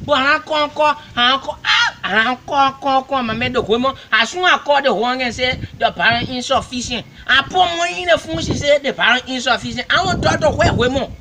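A man's voice: extremely high pitch, fairly quick, few pauses, sharp tone. A man with a Liberian West African accent playing an agitated, simple-minded man in a comedy skit, stammering and repeating his complaints insistently. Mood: pleading, insistent. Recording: faint background noise.

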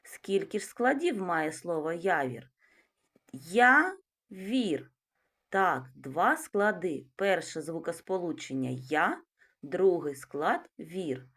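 A woman teaching young children to read, speaking slowly and clearly and sounding out words syllable by syllable. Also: fairly low pitch, expressive. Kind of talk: literacy lesson for young children.

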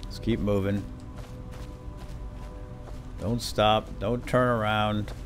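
A man with a lowish, steady voice speaks slowly over music, giving playful, lightly role-played commentary on a video game as he talks to himself and his in-game companions. He's a let's player, and game sound effects and ambience sit behind him, including cave atmosphere and combat.

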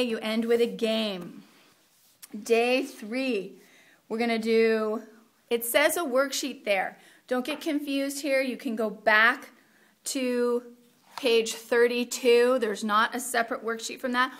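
A woman's voice: a little high, fairly even intonation, slow, fairly bright tone. A woman walking teachers through a week of Spanish immersion lessons in a practical, conversational way, dropping in Spanish phrases. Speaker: Spanish program instructor. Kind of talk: teacher training walkthrough.

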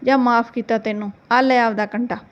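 A woman's voice: on the high side, steady tone, brisk, dull audio, natural voice. A woman voicing Simran, a cheeky young girl who teases and bargains mock-dramatically in a storybook reading. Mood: teasing.

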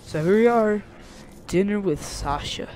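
Excitable man narrating gameplay. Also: high voice, a little slow, a little hiss or hum. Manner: chatty, excitable. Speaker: gaming channel host. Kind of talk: casual gameplay commentary. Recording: commentary over loud game music. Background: game music.

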